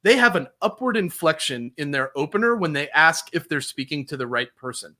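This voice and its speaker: A man's voice: fairly high pitch, animated, a little fast, sharp tone. A man talking as a podcast guest, explaining sales calls in a confident, emphatic way. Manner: confident, emphatic, demonstrates phone openers. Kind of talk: casual interview talk.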